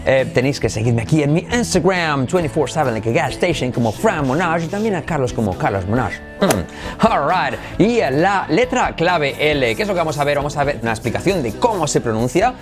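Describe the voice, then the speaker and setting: A man's voice: on the high side, sing-song, music in the background. Spanish man teaching English pronunciation. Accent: Spanish from Spain. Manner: repeats example words slowly and clearly. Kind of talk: pronunciation lesson.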